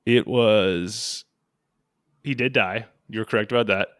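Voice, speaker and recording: A man's voice: fairly low pitch, slow, a bit bright, no echo, studio quality. A young man co-hosting a casual podcast, telling facts in a playful, jokey, theatrical way. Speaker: podcast co-host.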